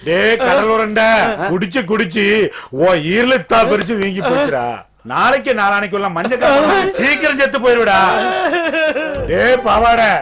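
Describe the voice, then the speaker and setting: A man's voice: high voice, moderate pace, lightly acted. An actor playing a boozy man who scolds his drinking buddies in a dubbed film comedy, in a whining, lamenting way. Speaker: comic drunkard in a film. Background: film music.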